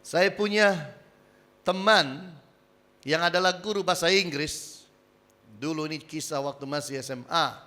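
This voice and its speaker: A male pastor preaching a sermon, swinging between loud emphasis and quiet asides. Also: a little high, unhurried, long pauses. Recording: church hall with reverb.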